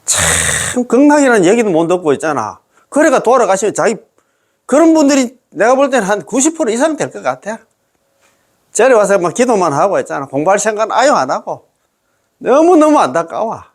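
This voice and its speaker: A man's voice: sits high, sing-song, fairly quick. A man with a Gyeongsang accent giving a chatty Buddhist dharma lecture, exclaiming and laughing often as he explains a sutra. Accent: Gyeongsang Korean.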